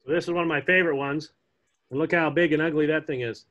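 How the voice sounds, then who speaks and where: A middle-aged man teaches a casual online class from his home, talking in a relaxed, chatty way and joking now and then. His voice is bright and a little higher than most men's. The sound is dull and lo-fi, as from a laptop webcam on a video call. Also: quick pace. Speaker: fly fishing instructor. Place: home room, indoors.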